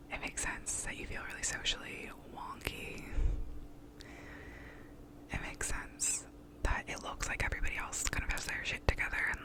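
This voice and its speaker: A woman gives a whispered ASMR pep talk up close to the mic, reassuring and validating in informal, sometimes sweary wording. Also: low-quality recording. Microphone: close to the mouth.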